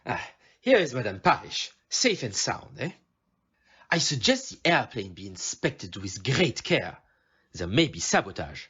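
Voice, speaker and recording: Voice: medium pitch, very animated, measured pace, fairly bright tone, highs cut off. An amateur actor playing Hercule Poirot, a courteous, shrewd, self-assured detective in an audio play, theatrical, with French phrases and questioning tags. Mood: brisk, commanding.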